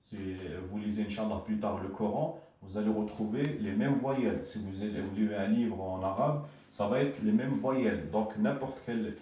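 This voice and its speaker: Man, low mellow voice, patient teacher, repeats syllables, echoey room, distant mic. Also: moderate pace, hardly any pauses. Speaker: Arabic teacher. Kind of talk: slow spoken lesson at a board.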